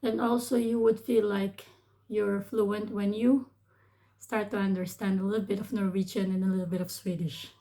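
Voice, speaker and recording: Speaking in a mellow, mid-range voice with little pitch movement at normal speed, this woman in her thirties from the Philippines offers casual advice in her vlog. Tagalog is her first language, and she has a Filipino accent, talking hesitantly and often restarting.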